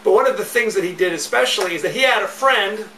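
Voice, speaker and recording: A man's voice: high-pitched, fast talker, bright, forceful tone, recorded from a distance, slight background noise. A man hosting a podcast, talking casually and rambling, with repeated catchphrases, recorded with roomy echo away from the mic. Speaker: podcast host. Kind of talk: casual solo podcast talk.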